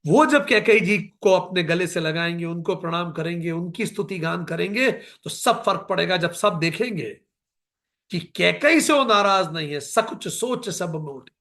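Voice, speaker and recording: A middle-aged man gives a devotional discourse on scripture in a high, bright voice with a gravelly edge. He takes his time, dwelling on recited verses and dropping English phrases into his explanation. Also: animated, normal speed. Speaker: spiritual discourse speaker.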